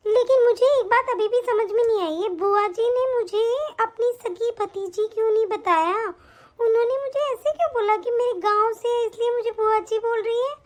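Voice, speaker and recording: Woman doing a poor young village girl, very high voice, earnest, wondering, talks to herself. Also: moderate pace. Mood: musing. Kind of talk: cartoon voice acting.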